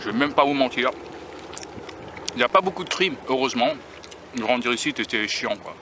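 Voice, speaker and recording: Expressive and a little fast, this mid-range male voice sounds pushed and bright. The American food-tasting vlogger eats outdoors by a beach near rail tracks, recording himself on a phone or handheld camera and talking casually, musing and self-conscious, often starting sentences over, with traffic and vehicle noise around him.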